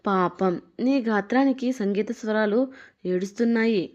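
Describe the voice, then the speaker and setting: A woman's voice: mid-range voice, normal speed, a little mellow, lightly acted. A woman voicing a young man who mocks his friend's singing in an exasperated way. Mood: mocking. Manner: mocking, exasperated. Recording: dull lo-fi recording.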